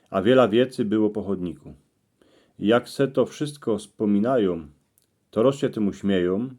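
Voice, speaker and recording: A man speaks in a low register with a soft, dark, relaxed tone. His Cieszyn Silesian accent is clear as he delivers a folksy monologue in regional dialect. The delivery is measured and reflective, like a storyteller presenting to an online audience. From Cieszyn Silesia, Poland. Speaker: YouTube channel presenter.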